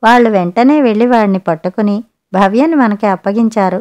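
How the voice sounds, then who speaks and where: A woman narrator voicing a grown son who explains things to his mother softly and slowly. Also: medium pitch, close to an everyday voice. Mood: weary. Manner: soft, measured. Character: calm grown son, gentle and weary.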